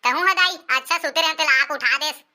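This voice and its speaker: A performer voicing a lazy, cheeky young village son with a Chhattisgarhi accent who whines and talks back in a cartoon. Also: male voice, very high voice, fairly quick. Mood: whiny.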